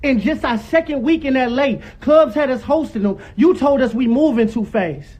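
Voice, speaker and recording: A young man speaks in a notably high-pitched voice. He rants angrily about being wronged, circling back over the same points and climbing toward shouting. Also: moderate pace. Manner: angry, repetitive, rising to yelling. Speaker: former roommate telling his side. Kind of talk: heated live-stream rant.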